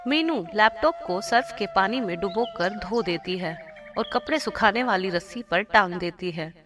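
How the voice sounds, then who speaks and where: A woman telling a cartoon story in scripted narration, with an even storytelling delivery. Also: mid-range voice, moderate pace. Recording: narration over loud music.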